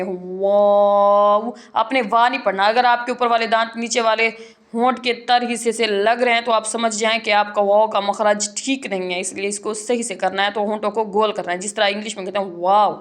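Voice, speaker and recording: In an online Quran reading lesson, a woman explains the rules, then slowly spells out letters and drawn-out syllables. Her voice is fairly high with fairly even intonation.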